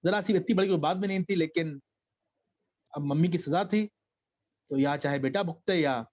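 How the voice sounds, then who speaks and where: A middle-aged man preaches and tells a story in a fairly high voice. He mixes Hindi with English phrases as he speaks. The sound is a little dull and lo-fi. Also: normal speed, darkish tone. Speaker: bishop preaching a Bible study. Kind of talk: sermon.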